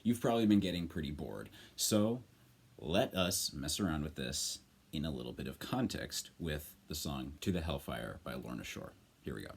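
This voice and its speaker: Low-voiced man giving a casual tutorial. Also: animated, normal speed, creaky, breathy edge. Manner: informal, rambling, emphatic with occasional swearing. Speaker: vocal coach, screamer.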